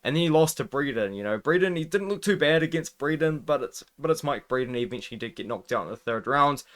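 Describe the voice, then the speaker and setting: A man's voice: medium pitch, lively intonation, quick pace. A man with a mid-range voice talks through a fight preview in a casual, conversational way. He has a slight lisp, the sound of someone wearing a retainer he is not used to. He often qualifies his opinions as he goes. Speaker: MMA fight prediction host.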